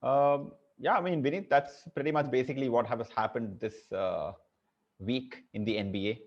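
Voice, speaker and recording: A man's voice: mid-range voice, moderate pace. A man with an Indian accent co-hosting a casual podcast, rambling and hesitant with many fillers. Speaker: podcast co-host. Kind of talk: casual chat. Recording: dull lo-fi audio.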